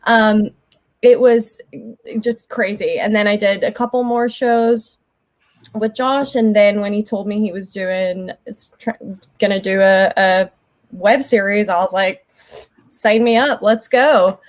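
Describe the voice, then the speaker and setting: A woman with a Scottish accent talks easily and chattily as an interview guest, filling her sentences with ums and quick laughs. She sounds about thirty-something, and her voice sits at a middling pitch. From Scotland. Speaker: guest actor. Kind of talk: casual interview chat.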